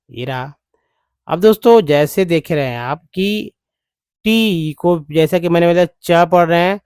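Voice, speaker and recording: A man teaching English to beginners, slowly spelling words out and repeating each one. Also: fairly high pitch, a little mellow, clear, resonant tone, dry recording. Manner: drawn-out, repeating each word for the learner. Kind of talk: slow spelling-out lesson.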